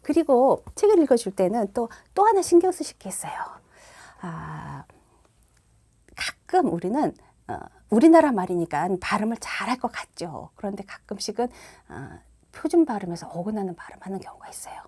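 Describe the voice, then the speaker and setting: Animated woman coaching parents on reading. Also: mid-range voice, moderate pace, breathy edge. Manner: warm explanatory, acts out read-aloud lines. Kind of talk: instructional talk to parents.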